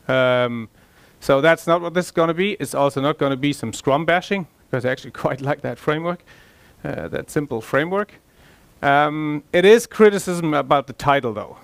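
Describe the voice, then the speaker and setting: Recorded with no room sound, this mid-range male voice belongs to a middle-aged agile coach from Denmark. He delivers a conference talk on a large hall's stage in a conversational style, full of fillers and restarts.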